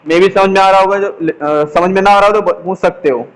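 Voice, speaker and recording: Slow and even, a man's high voice walks students through a lesson as he writes on the board, keeping a steady pitch throughout. He repeats key terms and quizzes the class, and the room gives his words a long reverb as if in a hall.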